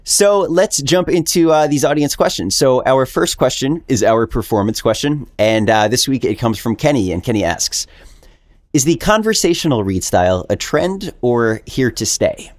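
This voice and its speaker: A man's voice: medium pitch, animated, moderate pace. Easygoing male podcast host. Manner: agreeable, affirming, filler-heavy. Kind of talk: casual interview chat.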